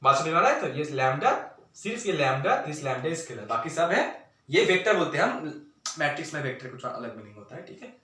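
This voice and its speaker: ऊँची आवाज़ वाला जोशीला गणित शिक्षक, गूँजता कमरा. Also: male voice, fairly high pitch, brisk, distant mic. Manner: animated, talks straight to students, mixes Hindi and English. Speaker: math teacher. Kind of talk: lecture explaining at a board. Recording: very echoey room, voice from off the mic.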